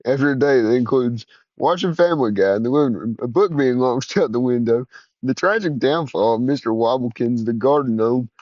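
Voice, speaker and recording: A man narrating an interactive story in the second person, in a smooth, even way. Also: medium pitch, dry recording, muffled recording.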